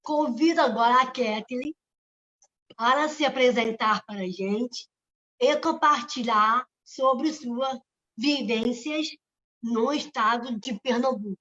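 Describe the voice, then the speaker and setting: A woman with a high voice speaks slowly and affectionately as co-host. Her video-call audio sounds dull and lo-fi. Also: a bit bright. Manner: affectionate and praising. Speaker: co-host of an online event. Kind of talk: moderating an online event.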